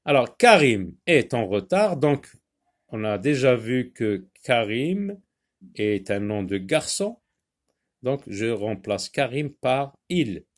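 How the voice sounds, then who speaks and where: Very slow, hesitant male teacher. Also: medium pitch. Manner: slow, deliberate, spells out letters and sounds; hesitant, many filler pauses. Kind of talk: phonics lesson.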